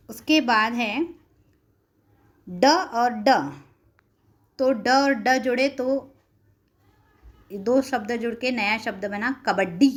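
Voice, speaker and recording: A woman teacher talks through a lesson at an unhurried, deliberate pace. Her voice sits a little high, and she keeps repeating key terms and asking her students whether they follow. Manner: patient, repeats terms and asks check questions. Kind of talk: classroom lesson explanation.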